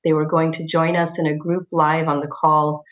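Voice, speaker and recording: A woman moderating an online meeting, calling on speakers in a calm, even way. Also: low-pitched, normal speed, lo-fi sound.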